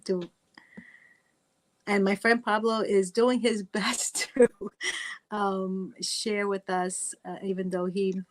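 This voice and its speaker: A middle-aged woman from Italy hosting a faith talk show, speaking earnestly and personally, often adding "right?" and "you know". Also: medium pitch. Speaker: podcast host.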